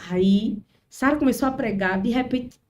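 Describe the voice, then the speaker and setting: A woman's voice: on the high side, moderate pace, distant mic. A woman telling a church testimony as a podcast guest, acting out the people in her story. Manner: animated storytelling, acts out quotes. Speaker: guest, children's ministry worker. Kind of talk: testimony in casual chat.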